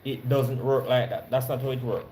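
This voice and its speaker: Jamaican male Bible teacher with a mid-range voice. He reads verses deliberately and talks them through casually. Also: mid-range voice, fairly even intonation, warm tone, a little hiss or hum. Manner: reads scripture slowly, stressing key words; conversational, checks in with listeners. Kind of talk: Bible study sermon.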